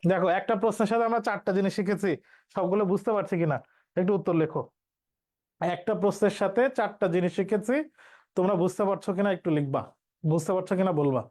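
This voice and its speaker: A man's voice: high-pitched, fast talker, a little mellow. A man. He teaches an exam-prep lesson, walking through each rule patiently. He repeats the key points so that students can follow. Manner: explains step by step, repeats key rules.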